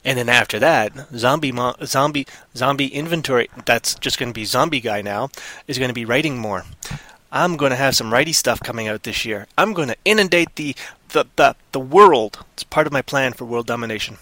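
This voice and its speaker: A man's voice: medium pitch, fairly quick, bright, forceful tone, no room sound. A man from Canada hosting a live online show in a casual, rambling chat, playful and ranting, who slips into silly voices.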